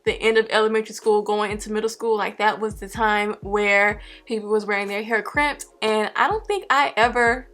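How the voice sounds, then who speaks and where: A woman's voice: medium pitch, steady tone, moderate pace, hardly any pauses, fairly bright tone. A woman in her twenties with a slight lisp from wearing a retainer, chatting casually to viewers in a hair tutorial. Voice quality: slight lisp from wearing clear dental aligners. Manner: informal, chatty, talking to viewers as friends. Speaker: beauty vlogger. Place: carpeted bedroom, indoors. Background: music.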